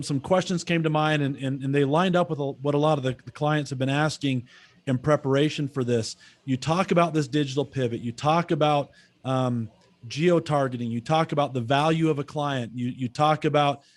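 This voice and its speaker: A man's voice: on the high side, no room sound. A man hosting an interview on a video call, asking questions with many restarts and repeated words. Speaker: host.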